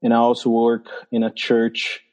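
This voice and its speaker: Speaking with a Brazilian Portuguese accent, this man from Brazil shares his experiences as a missionary during a relaxed podcast interview, often halting and breaking into laughter. His medium-pitched voice is monotone and a little mellow.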